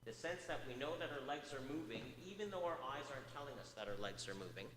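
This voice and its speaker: In a big, echoing lecture hall, a male research speaker delivers a public talk at a fast clip, his medium-pitched voice expressive and fairly bright. He poses questions to the audience, fills gaps with many "uh"s, and at times moves away from the mic.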